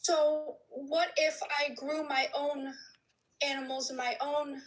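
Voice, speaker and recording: A young woman calling into a livestream, arguing her point in a measured, calm way. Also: sits high, rough recording. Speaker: caller on a livestream. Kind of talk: debate with a livestream host.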